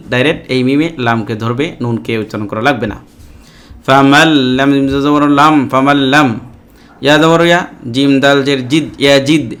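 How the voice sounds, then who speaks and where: A man's voice: mid-range voice, a bit bright. A man teaching Quran reading, spelling each word letter by letter and briefly explaining the recitation rules. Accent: Bangladeshi Bengali. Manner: slow, measured letter-by-letter spelling with short rule explanations.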